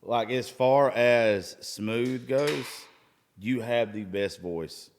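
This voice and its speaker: A man's voice: medium pitch, drawn-out words, a little hiss or hum. A hungover man in his thirties hosting a casual podcast chat, rambling, gushing and swearing freely. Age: 30s. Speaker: podcast host. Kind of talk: casual chat, profanity-laden. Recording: reverberant room.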